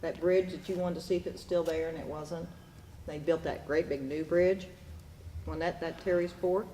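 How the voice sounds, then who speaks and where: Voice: mid-range voice, steady tone, moderate pace, dark tone. Casual questioner in a noisy room. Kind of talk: casual family conversation, questioning. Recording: noisy room, away from mic.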